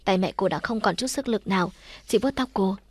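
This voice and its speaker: A woman narrating a story for an audiobook in a steady, even reading. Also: medium pitch, fairly quick, dry recording.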